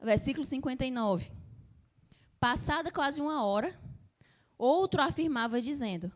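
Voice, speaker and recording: High-voiced woman preaching a sermon. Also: lively intonation. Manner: emphatic, asks the congregation rhetorical questions; drops her voice low and slows down to act out quoted lines.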